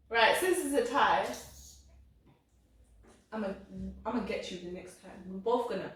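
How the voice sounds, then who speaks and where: A woman's voice: mid-range voice, expressive, measured pace, a bit bright. A woman chatting casually during a food challenge, often laughing as she talks. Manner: giggly, often laughing while talking. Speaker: video host. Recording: very echoey room, distant mic.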